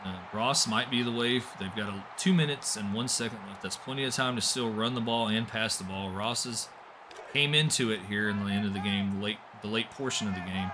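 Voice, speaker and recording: A young man doing live play-by-play commentary on a simulated football game, getting excitable on big plays. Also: a little fast, background noise. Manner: excitable, voice jumps high and loud on big plays. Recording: music playing behind the voice.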